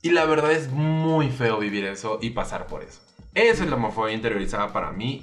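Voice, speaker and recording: A young man with a Mexican Spanish accent hosting a casual chat, telling his story in a lively way and laughing often. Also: on the low side. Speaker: host.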